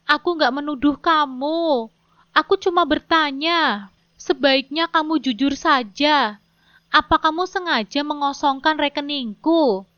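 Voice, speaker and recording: A defensive, reproachful husband stuck in his wheelchair, voiced by a woman reader with a high voice. he keeps questioning his wife in a spoken story. the sound is dull, lo-fi and dry. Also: a little slow, a bit bright, no echo. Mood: insistent.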